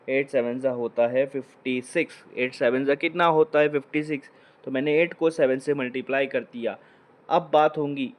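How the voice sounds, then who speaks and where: Man, maths teacher, step-by-step, repeats questions and answers them himself, mid pitch. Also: a little mellow. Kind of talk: whiteboard maths lesson.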